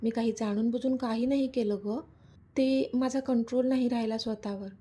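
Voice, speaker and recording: A woman's voice: on the high side, steady tone, normal speed, warm tone, slightly rough. A woman voicing a playful, lovestruck young man in a storybook reading, pleading and coaxing. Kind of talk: storybook narration.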